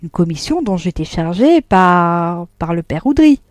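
A woman's voice: on the low side, very animated, unhurried, no room sound. Woman putting on a blustering caught-out husband. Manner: jovial, then blustering and defensive. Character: bluff evasive middle-aged husband caught lying.

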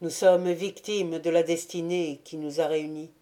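A woman reading the lines of a stern, measured male naval officer in a storybook. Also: low voice, steady tone, dark tone, close to an everyday voice. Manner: measured, severe.

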